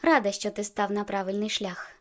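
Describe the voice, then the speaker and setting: A woman's voice: medium pitch, steady tone, a little fast, fairly bright tone, natural voice. A woman voicing a friendly, cheerful young woman in an audiobook, talking in a playful, teasing way.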